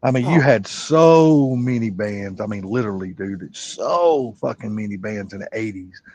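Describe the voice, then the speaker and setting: A man's voice: fairly low pitch, expressive, a little mellow, no echo. A man, swearing freely in a casual live-stream chat. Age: 50s. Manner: salty, swears freely, drawn-out rambling.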